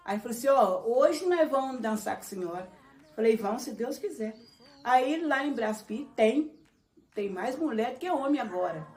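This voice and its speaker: A woman recounts her life in a documentary interview. She tells it with lively energy and plays out each quoted line. Her fairly high voice sits back from the mic in a roomy space with a clear echo. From Brazil, Minas Gerais. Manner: lively storytelling, acting out quoted dialogue. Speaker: interviewee, congo dancer. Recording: roomy sound from a distant mic.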